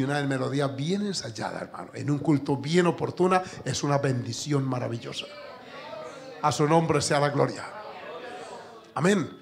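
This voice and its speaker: A middle-aged man with a Colombian accent preaching a sermon, telling stories with emphatic, animated outbursts. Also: on the high side, vocal fry. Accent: Colombian Spanish. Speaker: pastor. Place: church.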